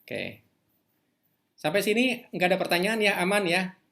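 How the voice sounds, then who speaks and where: A man's voice: high voice, gravelly. A man giving an online lecture, checking in with the listeners and repeating key words. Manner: asks the audience questions and repeats key words; slows to a quiet, drawn-out voice for prayers. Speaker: online course teacher.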